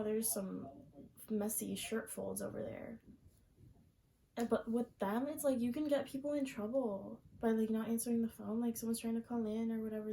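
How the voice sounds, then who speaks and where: Young female vlogger, gravelly and low-toned, exasperated slangy rant, faint room noise. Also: warm tone, poor audio. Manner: exasperated, slangy, swears a lot. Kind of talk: casual venting rant.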